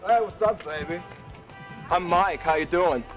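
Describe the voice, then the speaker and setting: A man's voice: sits high, measured pace, faint music behind. A young man playing a slacker surfer contestant in an amateur comedy, casual and drawling. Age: young adult.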